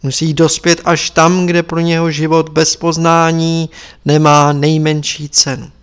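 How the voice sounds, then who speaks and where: A wise old lama teacher speaks gravely and instructively, as a man reading a story voices him. The voice sits a little high for a man. It is read in a storybook style. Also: completely flat delivery, natural voice. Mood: stern. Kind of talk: audiobook character reading.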